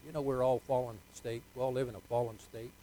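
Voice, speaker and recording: An older man preaching a folksy sermon, joking with the congregation, dropping to quiet asides and rising to loud, drawn-out emphasis. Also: mid-range voice, flat delivery, slight background noise, low-quality recording. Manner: jokes with the congregation, asks for amens.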